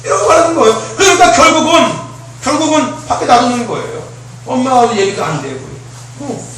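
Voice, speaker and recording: A man's voice: very high-pitched, expressive, brisk, fairly bright tone, a little hiss or hum. A man preaching a sermon in a church, emphatic and often asking the congregation questions. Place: church sanctuary. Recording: very echoey hall, distant mic.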